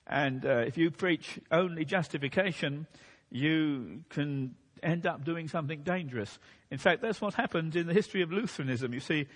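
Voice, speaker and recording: A man preaching a sermon in a measured teaching manner, losing his voice a bit. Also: on the high side. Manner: measured teaching delivery, occasional restarts. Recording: long hall reverb.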